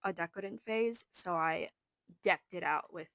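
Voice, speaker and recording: A woman's voice: on the low side, measured pace, fairly bright tone, no echo. Chatty, winded young woman. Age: 20s. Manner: rambling, self-deprecating, filler-heavy. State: slightly out of breath. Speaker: vlogger. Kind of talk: casual room tour narration.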